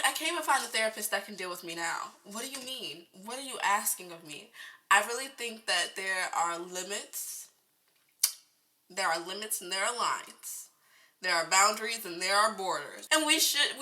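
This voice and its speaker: Young woman vlogger, very bright tone, theatrical and jokey, musing straight to camera. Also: mid-range voice, poor audio. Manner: dramatic, exaggerated, laughing asides. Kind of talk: casual comedic monologue to camera.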